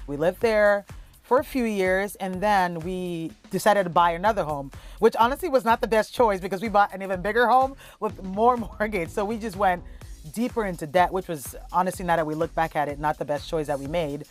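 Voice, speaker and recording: A woman in her thirties from Cameroon, a travel blogger telling her family's story in a relaxed, chatty way with plenty of fillers. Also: fairly low pitch, fairly quick, soft background music. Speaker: travel blogger and content creator. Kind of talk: documentary interview.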